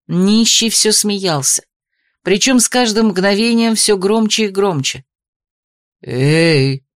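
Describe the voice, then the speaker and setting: A woman narrating a novel in a measured, even storytelling voice. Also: medium pitch, no echo, studio quality. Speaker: audiobook narrator. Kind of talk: scripted narration.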